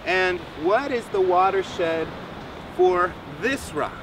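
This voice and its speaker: A man's voice: high voice, expressive, slow pace. A man in his thirties teaching outdoors on a beach, explaining step by step and encouraging his student. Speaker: rainwater harvesting teacher. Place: sandy beach outdoors by the surf. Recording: distant outdoor mic with surf noise. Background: waves and wind.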